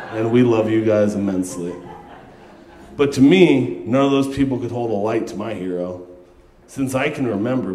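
A man's voice: on the low side, a little mellow, a little hiss or hum. A young man giving a best man toast at a wedding, reading jokes and tributes from his phone with a handheld microphone. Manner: reads from his phone, laughing through jokes. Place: large hall at a wedding reception. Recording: echoey reception hall.

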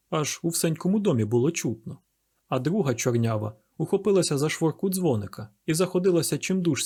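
A man's voice: mid-range voice, mellow, husky. A man narrating an audiobook of a classic novel with a vivid, dramatic reading. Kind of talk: scripted narration.

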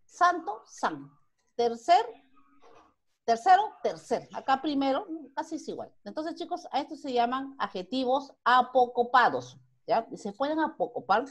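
A woman's voice: high voice, sing-song, unhurried. A Peruvian woman teaching a primary school grammar lesson online, who asks the class questions and then answers them herself. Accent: Peruvian Spanish.

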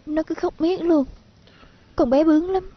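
A woman's voice: very high voice, measured pace. A woman dubbing an anxious mother talking on the phone in a TV drama. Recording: dull lo-fi dub audio.

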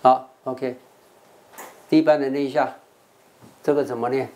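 In an English vocabulary class, an older monk from Taiwan coaxes students by repeating words to drill their pronunciation, speaking with a Taiwanese Mandarin accent. His voice is warm and mid-range, fairly even in intonation, at a moderate pace. There is slight hiss or hum.

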